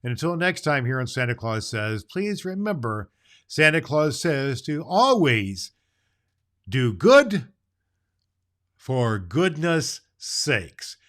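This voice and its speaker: A man's voice: medium pitch, big pitch swings, a bit bright. A man playing a jolly, grandfatherly old Santa Claus, hosting a children's show in a folksy, emphatic way. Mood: jolly, kindly. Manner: folksy, emphatic, drawn-out phrases with hearty ho-ho-hos. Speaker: show host.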